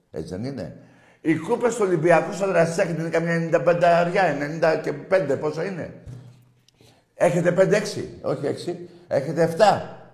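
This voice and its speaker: A man in a profane, mocking rant at a rival football club's fans, swinging between loud shouts and low jeers. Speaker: football fan ranting. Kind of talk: profane monologue. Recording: roomy echo.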